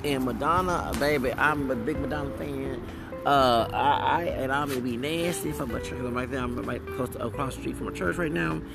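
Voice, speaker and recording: Man, forties, casual podcast monologue, gravelly voice, music behind. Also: medium pitch, normal speed. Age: 40s. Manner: chatty, sings snippets of songs. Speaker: podcast host. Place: outdoors near a street.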